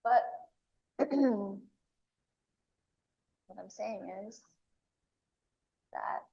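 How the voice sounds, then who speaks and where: A woman's voice: medium pitch, drawn-out words, creaky, slightly rough. Woman on a muffled prison phone call. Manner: laughs often, wry and knowing. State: speaking from jail. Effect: recorded prison phone call.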